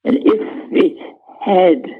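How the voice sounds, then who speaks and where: An elderly man, a war veteran, remembering in an interview in a halting, understated, matter-of-fact way with searching pauses. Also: phone-quality sound. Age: elderly, 90s. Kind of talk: unscripted interview reminiscence.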